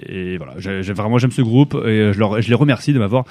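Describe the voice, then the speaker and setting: A young man from France hosting a radio show, talking casually and haltingly between tracks with lots of fillers and restarts. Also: on the low side, a little mellow, no echo.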